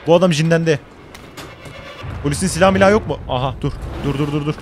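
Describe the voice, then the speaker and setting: A man giving excited gameplay commentary, loud and joking, swearing and talking back at the screen. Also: fairly high pitch, fast, a little hiss or hum. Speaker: gamer.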